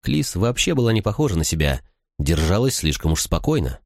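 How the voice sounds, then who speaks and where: A man narrating an audiobook in an expressive storytelling manner. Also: low voice, fairly quick, gravelly, no room sound, clean studio sound. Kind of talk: scripted narration.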